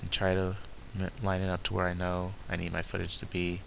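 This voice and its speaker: Flat low guy doing a screen tutorial, step by step and kinda halting, keys clicking. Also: creaky, slight background noise, poor audio. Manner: halting, talks through each step as he does it. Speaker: tutorial presenter. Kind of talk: step-by-step software tutorial narration.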